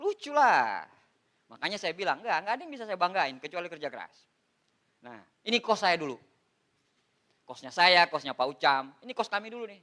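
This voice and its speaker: A man from Indonesia in his thirties giving an animated, joking motivational seminar talk, addressing the audience as Pak. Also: sits high, fairly quick, long pauses. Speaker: motivational speaker on MLM.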